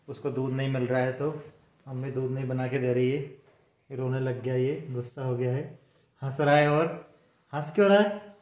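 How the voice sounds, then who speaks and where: Brief: ordinary-pitched male vlogger dad, chatty, phone-recorded in an echoey room with faint background noise. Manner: chatty, keeps addressing viewers as guys. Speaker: vlogger father. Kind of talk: casual family vlog. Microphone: handheld phone camera.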